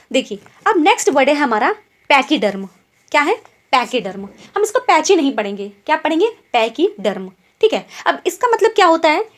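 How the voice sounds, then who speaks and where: Lively high-voiced woman teaching vocabulary. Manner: keeps asking quiz questions and tag checks like "ठीक है?"; explains in Hindi mixed with English words. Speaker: English exam teacher. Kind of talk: online vocabulary lesson.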